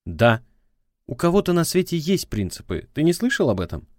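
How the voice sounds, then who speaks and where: A man's voice: on the high side, big pitch swings, normal speed, darkish tone, no echo, studio quality, voice pushed up. A man voicing a scornful, nagging ex-wife who lectures and mocks in a prosecutorial tone. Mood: lecturing.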